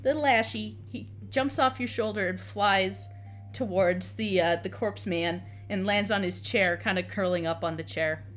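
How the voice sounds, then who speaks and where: A woman improvising narration as game master in a tabletop game, casual and halting. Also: medium pitch, a bit bright, soft background music.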